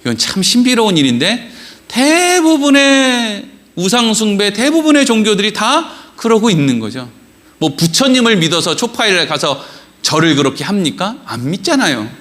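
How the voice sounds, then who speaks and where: Brief: male pastor, middle-aged, lively conversational sermon, bright tone. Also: sits high, normal speed. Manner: lively, conversational preaching with rhetorical questions and acted-out quotes. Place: church sanctuary.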